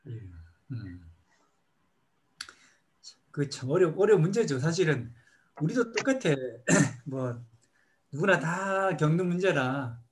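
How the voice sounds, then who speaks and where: A middle-aged man with a somewhat high voice talks in a reflective, storytelling way as a meditation teacher. His pitch moves a lot, rising and dropping as he acts out the way he scolds himself. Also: animated, slow pace, pauses often. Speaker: meditation teacher answering questions. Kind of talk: question-and-answer talk.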